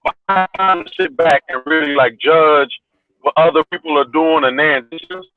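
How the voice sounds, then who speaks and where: A man speaking on a remote call whose connection keeps breaking up. He talks in a halting, casual way and repeats his words. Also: fairly high pitch. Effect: choppy breaking-up call connection. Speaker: community activist panelist. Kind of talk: casual panel discussion. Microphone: phone on a remote call. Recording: tinny, breaking-up phone line with faint music.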